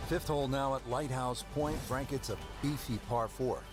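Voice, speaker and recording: A man's voice: medium pitch, steady tone, moderate pace, over music, close to an everyday voice. A man giving golf commentary as the lead announcer.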